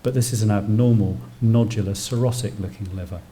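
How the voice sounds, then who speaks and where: Speaking at an indoor public lecture venue, this British doctor talks about emergency radiology and breaks down jargon in plain language. He has a fairly low, dark-toned voice, keeps his intonation fairly even, and moves a little fast. Slight background noise can be heard.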